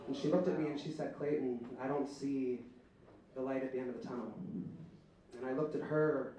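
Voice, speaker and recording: A man's voice: mid-range voice, steady tone, a little fast, dark tone. A man giving an impassioned political speech at a rally, building to chants. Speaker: rally speaker. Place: hotel event hall with crowd. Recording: echoey hall from far off, crowd noise.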